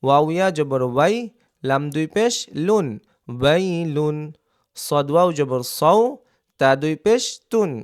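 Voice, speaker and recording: Slow, drilling man teaching recitation. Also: fairly high pitch, expressive. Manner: slow, drilling syllables one by one, asking "ঠিক আছে?". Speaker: Quran reading teacher. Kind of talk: online recitation lesson.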